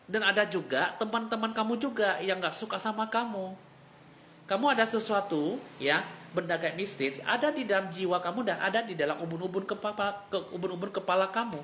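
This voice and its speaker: A man's voice: sits high, fairly quick, a bit bright, slight background noise. A man giving a live fortune reading as a spiritual fortune-teller, in a dramatic, pitying and emotional way.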